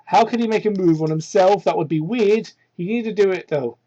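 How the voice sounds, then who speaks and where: Fairly quick and warm-toned, a man hosts a dramatic reading of fan fiction, mocking it with sarcastic, incredulous asides and theatrical emphasis. Slight background noise is present, and the cheap microphone leaves the audio muffled and low quality.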